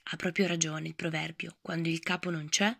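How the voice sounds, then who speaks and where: A woman reading a children's book aloud in a lively storytelling voice that often drops to a whisper. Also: low voice, a little fast, creaky.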